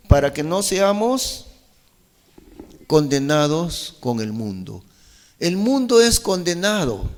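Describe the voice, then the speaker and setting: A man's voice: a little high, vocal fry. A man teaching a Bible study class in a church hall, asking his listeners rhetorical questions and answering them himself. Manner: slow, questioning, rhetorical back-and-forth with the audience.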